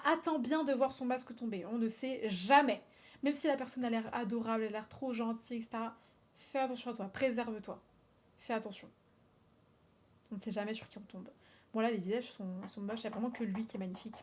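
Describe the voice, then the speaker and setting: A woman from France chatting on a livestream, animated and swearing freely, laughing often and slipping in English phrases. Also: a little high. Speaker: streamer. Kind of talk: casual livestream chat.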